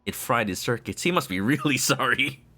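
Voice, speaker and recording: Animated, bright-voiced man livestreaming a game. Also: mid-range voice, moderate pace, slight background noise. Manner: playful, exclamatory. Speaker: video game streamer. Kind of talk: casual livestream game commentary, reading dialogue aloud.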